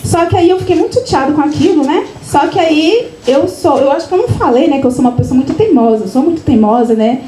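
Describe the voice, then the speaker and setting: A woman author talks casually to an audience, her voice high and mellow. She keeps adding little tag questions and starting sentences over. An echoey room with a faint hum of noise surrounds her. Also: animated, fast, hardly any pauses. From Minas Gerais, Brazil. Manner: chatty, frequent tag questions and restarts. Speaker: author at her book launch. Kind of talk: casual personal storytelling to an audience. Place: event room, live audience.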